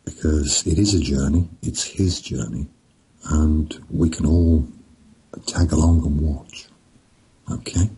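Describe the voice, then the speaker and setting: A middle-aged man with a very low, gravelly voice that sounds husky and dark. He talks slowly and rambles through his stories, chuckling as he goes, in a relaxed, casual chat. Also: low-quality recording. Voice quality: very deep gravelly voice. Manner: slow, rambling, chuckling storyteller. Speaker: author and podcast guest.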